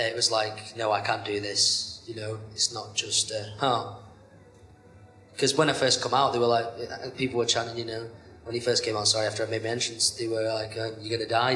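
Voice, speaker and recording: Chatting casually as an interview guest, a young pro wrestler with a mid-range voice rambles and scatters "you know" fillers throughout, describing himself as monotone. The room sounds echoey.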